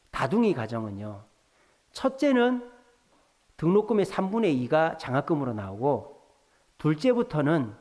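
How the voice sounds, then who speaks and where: A male pastor preaching a sermon with lively storytelling, acting out the people in his anecdotes. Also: a little high. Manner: animated, acts out dialogue in storytelling. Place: church sanctuary. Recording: church hall with long reverb.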